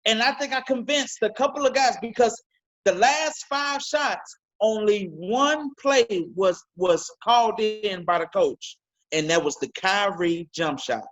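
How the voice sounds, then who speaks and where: An excited man talking sports on a podcast over a video call. He pushes his points hard, stumbles over repeated words and speeds up as he gets going. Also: sits high, poor audio. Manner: emphatic, talks fast and repeats words when excited. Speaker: podcast co-host. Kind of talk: casual sports talk.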